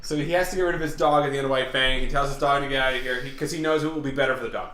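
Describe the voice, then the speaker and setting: A man's voice: mid-range voice, steady tone, rapid-fire, fairly bright tone. A man co-hosting a podcast, chatting casually about films and repeating phrases for emphasis. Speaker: podcast co-host reviewing films. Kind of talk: casual movie review chat. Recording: echoey room, music behind.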